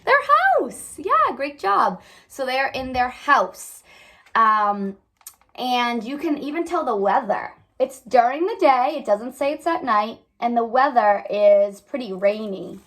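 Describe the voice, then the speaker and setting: Reading to a group of young children, this woman teacher keeps her lesson instructive and poses many questions to her listeners. Her voice sits on the high side, sounding animated and a little bright, and she takes her time.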